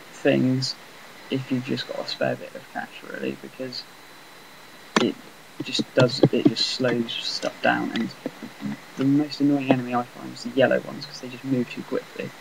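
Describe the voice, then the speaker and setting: Monotone gravelly guy narrating a game. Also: medium pitch, very noisy. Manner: rambling, self-deprecating, monotonous. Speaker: gameplay commentator. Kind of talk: casual game commentary.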